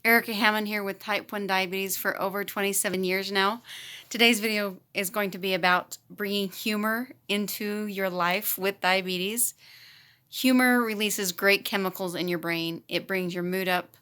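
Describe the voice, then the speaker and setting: Woman, 30s, teacher vlogging; bright, tense tone, animated, chuckles through the story. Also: mid-range voice, moderate pace, clean tone. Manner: animated, laughs often while telling. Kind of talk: casual storytelling to camera.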